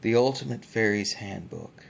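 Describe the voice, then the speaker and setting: A man hosting ASMR in a soft, unhurried way, often near a whisper, pausing as he describes things. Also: fairly low pitch, creaky, poor audio. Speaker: ASMR host. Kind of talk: soft ASMR book show-and-tell, often dropping to a whisper.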